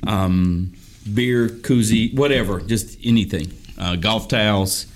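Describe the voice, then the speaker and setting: A man's voice: on the low side, slow pace. A man co-hosting a casual podcast, laughing often and humming while he chews. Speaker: podcast co-host. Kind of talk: casual chat.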